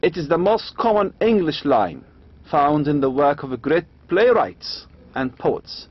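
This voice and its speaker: A man with an Arabic accent lecturing on poetry, reading slowly and adding quick asides. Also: on the high side, very animated, husky. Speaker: university lecturer. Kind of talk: lecture explaining English meter, mixing English and Arabic. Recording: dull lo-fi lecture recording.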